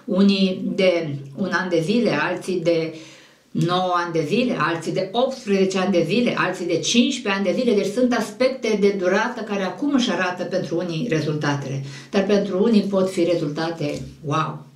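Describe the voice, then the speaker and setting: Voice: mid-range voice, echoey room, recorded from a distance. An astrologer giving a monthly horoscope in a conversational, digressive way that often corrects itself.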